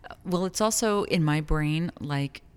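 A woman in her thirties co-hosting a podcast in casual chat, a little husky from allergies, with Spanish words dropped in. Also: deep voice, unhurried. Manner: relaxed, says like often, drops Spanish words. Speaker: podcast co-host.

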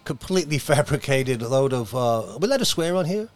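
A man's voice: mid-range voice, very animated, brisk. A man with an Australian accent chatting casually on a podcast panel in a blunt, colloquial manner. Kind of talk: casual chat.

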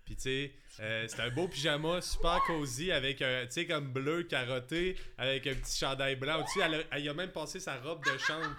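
A man's voice: a little high, a little fast, few pauses. Teasing Quebec man, noisy recording. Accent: Quebec French. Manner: teasing, laughs while talking. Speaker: podcast co-host. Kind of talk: casual chat.

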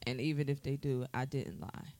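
A woman's voice: extremely low pitch, fairly even intonation, normal speed, darkish tone. An American woman talking candidly and emphatically in a casual panel discussion.

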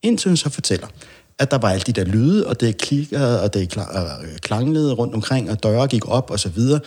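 Podcast guest, male, husky, rambling anecdotal storyteller who voices his quotes. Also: on the low side, sing-song, a little mellow. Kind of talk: casual storytelling chat.

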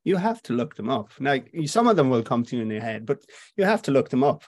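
A man's voice: medium pitch, big pitch swings, fast talker, no echo. Irish man, playwright guest, reflective, thinking aloud, dry close sound. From Ireland. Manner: reflective, with frequent fillers and restarts. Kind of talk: conversational interview.

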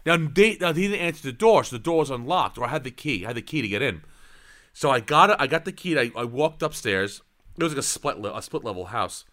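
A man's voice: medium pitch, expressive, fast talker, fairly bright tone. A man in his thirties telling a rambling, profane story in casual chat, full of restarts and asides.

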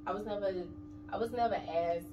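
A brisk, medium-pitched woman in her thirties speaks as an interview guest, chatting casually and bluntly about her kids and money. She comes across as blunt, streetwise and emphatic. The recording has an echoey room, a distant mic and a noisy background.

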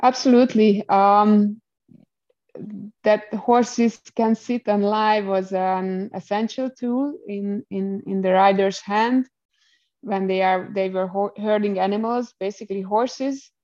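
Mellow Hungarian-accented woman, slightly muffled. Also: medium pitch, steady tone, slow pace. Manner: hesitant, searching for words in non-native English. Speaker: interview guest, equestrian rider. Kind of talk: conversational interview explanation.

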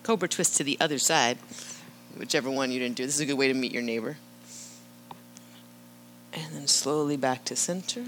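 A woman leading a live yoga class, calmly cueing breath and movement and often checking in with "right?". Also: rumbling low, normal speed, pauses often, slight background noise. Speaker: yoga instructor.

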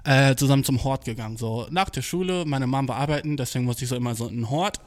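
A man's voice: medium pitch, quick pace. A young man doing a casual solo podcast, talking in heavy slang laced with English swearing, recorded on a cheap smartphone in a makeshift home studio. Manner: slangy, full of English swearing, "Bro" and "Dude".

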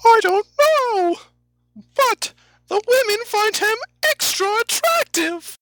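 A frantic male guild crier who shrieks his alarms in a piercing falsetto. The herald's voice is bright and cutting, a bit of radio-play hamming. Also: animated, slow, no room sound, exaggerated voice.

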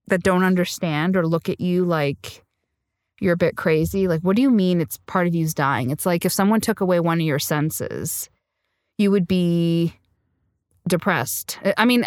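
Smooth-voiced woman telling her story. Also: fairly low pitch, animated, normal speed, no room sound, studio quality. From Sri Lanka. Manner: reflective, earnest, laughs often. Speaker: singer-songwriter guest. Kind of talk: conversational interview.

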